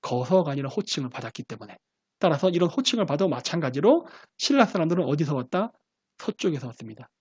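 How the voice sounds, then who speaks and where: A man's voice: a little high, sing-song, quick pace, husky, no echo, dull audio. A man giving a history lecture as host, posing questions to the audience and answering them himself.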